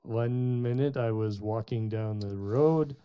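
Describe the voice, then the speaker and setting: A man's voice: mid-range voice, slow pace, warm tone, clean tone. A man playing a tabletop role-playing game, chatting casually and improvising in character.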